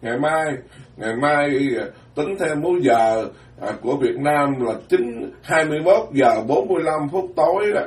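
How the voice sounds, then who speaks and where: A man, a Buddhist monk giving a dharma talk in a blunt, plain-spoken way, alternating quick asides with slow, weighty phrases. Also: fairly high pitch, animated. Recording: roomy, distant mic.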